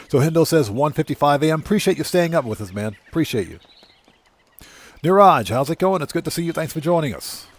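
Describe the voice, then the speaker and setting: Chatty man streaming games, slightly high voice. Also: sing-song, fairly quick, long pauses. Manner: chatty, repeats himself for emphasis. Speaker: live stream host. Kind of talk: casual live game commentary, chatting with viewers.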